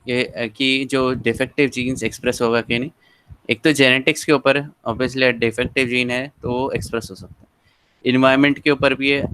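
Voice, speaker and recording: A man's voice: mid-range voice, fairly bright tone, clear, resonant tone, no room sound, poor audio. A man teaching genetics, checking in often with his listeners. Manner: explanatory, frequent "theek hai" check-ins. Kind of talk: casual lecture mixing Hindi and English.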